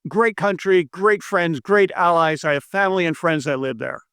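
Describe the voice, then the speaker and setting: An American economist presents a monetary lesson on video, talking earnestly to camera inside a room walled with brick and stone. His kinda high voice is clear, resonant and fairly bright, at normal speed, in a dry, close recording. Emphatic and insistent, he repeats his central claims and stumbles whenever a foreign name comes up.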